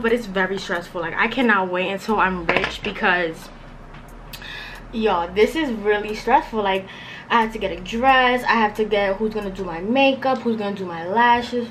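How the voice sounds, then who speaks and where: A young woman in her twenties, a beauty and lifestyle vlogger, chats casually and slangily in a get-ready-with-me vlog from her bedroom at home, rambling with lots of filler words. Her medium-pitched, fairly bright voice comes through a low-quality recording with slight background noise.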